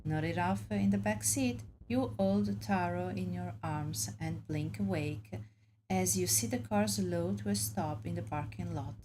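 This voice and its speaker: A woman's voice: on the low side, a little slow, mellow, a little hiss or hum, low-quality recording. A woman reading story game narration aloud in a dramatic storybook way, occasionally stumbling on words. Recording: music bed under the voice. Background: clear background music.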